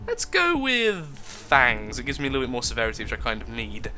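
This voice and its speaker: Young guy rambling over gameplay, bright voice, jumps up and down a lot, quiet music behind. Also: mid-range voice, huge pitch swings, brisk. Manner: chatty, jokey, reads game text aloud. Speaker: gaming video host. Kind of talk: casual gameplay commentary.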